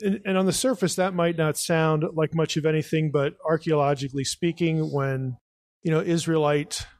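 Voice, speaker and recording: A man's voice: a little high, fairly even intonation, normal speed, a little mellow, no echo. Man thinking aloud at a live Q&A. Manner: thinks aloud, restarts, leans on "again" and "you know". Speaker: podcast host answering audience questions. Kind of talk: live audience Q&A explanation. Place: live event before an audience.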